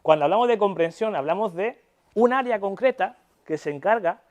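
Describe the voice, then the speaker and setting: A young man from Spain lectures on neuropsychology at a university, his voice high, animated, and fairly quick. He keeps it casual and chatty, checking in with "¿vale?" again and again and swearing jokingly.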